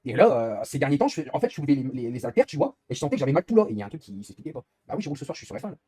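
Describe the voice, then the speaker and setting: A man's voice: a little high, sing-song, racing, crowd noise. A young man live-streaming while gaming, rambling in casual chat and swearing often as he complains.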